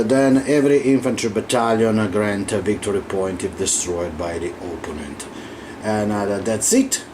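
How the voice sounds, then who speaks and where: A man who is not a native English speaker, hosting an unscripted wargame battle report in a halting, hesitant way with frequent pauses. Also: fairly low pitch. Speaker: host of a wargaming channel. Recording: clear steady background room noise.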